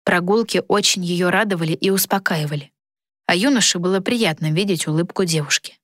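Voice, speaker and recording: A woman's voice: on the low side, brisk, fairly bright tone, no room sound. Woman narrating an audiobook, dry close sound.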